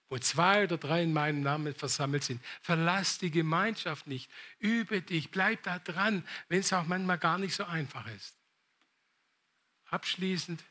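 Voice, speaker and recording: A middle-aged man delivers a sermon in a high, bright voice. He tells stories from his own life and keeps turning to his listeners with questions. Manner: storytelling, addressing the congregation with rhetorical questions. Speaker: preacher.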